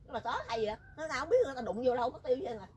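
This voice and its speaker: A woman's voice: high-pitched, lively intonation, rapid-fire, a little mellow, muffled recording. A woman telling a story in casual chat, teasing and talkative. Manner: chatty, teasing, rural colloquial speech.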